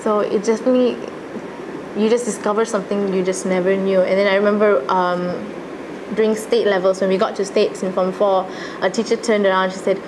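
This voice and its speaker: Young woman, Malaysian accent, medium-pitched voice, earnest casual interview talk, noisy ambient recording. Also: flat delivery, fairly quick. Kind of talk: casual interview, personal recollection. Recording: noticeable background noise and ambience.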